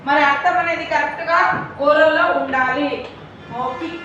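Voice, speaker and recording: A woman teacher giving a lecture, her voice high and sharply bright. She explains each point, then quizzes her listeners, moving between two languages. The recording is very echoey and distant, with faint ambience behind. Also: steady tone, normal speed, highs cut off, a little hiss or hum.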